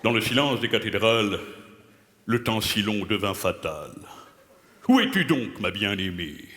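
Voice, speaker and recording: A man's voice: lowish voice, animated, unhurried. A man playing a pompous, self-important playwright before a live audience, declaiming grandly and laughing at his own jokes. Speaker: comedian performing a character for a live crowd. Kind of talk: improvised comic character act. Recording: echoey hall with loud crowd noise.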